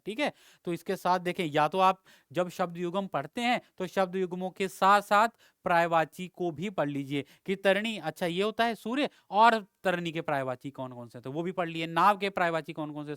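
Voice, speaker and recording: High-voiced man teaching a grammar class. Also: a bit bright, clear, resonant tone, dry recording, studio quality. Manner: explanatory, quizzes students, repeats "ok ji" often; draws out vowel sounds to demonstrate them. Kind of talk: exam-prep grammar lesson.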